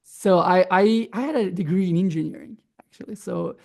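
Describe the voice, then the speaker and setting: A young man from Belgium chats as a guest musician, his voice a little gravelly. He speaks in English, halting and restarting often with lots of fillers. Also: high-pitched, darkish tone. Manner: hesitant, many restarts and fillers, non-native phrasing. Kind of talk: casual interview chat.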